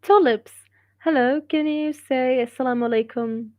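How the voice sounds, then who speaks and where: A woman's voice: sits high, moderate pace, dry recording, narrow, tinny audio. A woman from Gaza, an English speaker hosting a casual livestream, reading viewer comments with many fillers and frequent laughs. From Gaza, Palestine. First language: Arabic. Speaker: livestream host.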